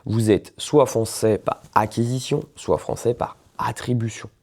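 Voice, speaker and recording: In a mid-range, slightly mellow voice with vocal fry, a male lawyer talks a little slowly through nationality law. The video is informal, and he speaks conversationally, often hesitating and checking in with his audience.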